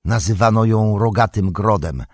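A man narrating an epic fantasy audiobook in a measured storytelling manner. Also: lowish voice, darkish tone, dry recording, clean studio sound. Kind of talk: scripted narration.

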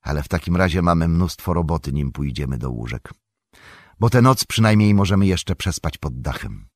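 A man voicing a thoughtful, wary young male hobbit hero who speaks in a measured, reflective way in an audiobook. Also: deep voice, lively intonation, no echo, studio quality. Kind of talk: audiobook character voice.

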